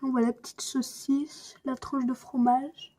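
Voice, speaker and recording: A woman's voice: high-pitched, level tone, measured pace, very noisy. A young woman giving a playful, chatty home cooking demonstration in her kitchen, talking to the viewer and to herself. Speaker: cooking vlogger. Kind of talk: casual home cooking demo. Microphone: camera mic propped on a stand.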